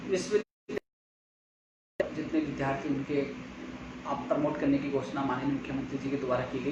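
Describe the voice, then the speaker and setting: A man addresses followers on a live update stream in a high voice. He sounds insistent, and he is heard from some distance in a strongly reverberant room with faint noise. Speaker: host of a live update stream for job seekers. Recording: echoey room, far from mic, faint noise.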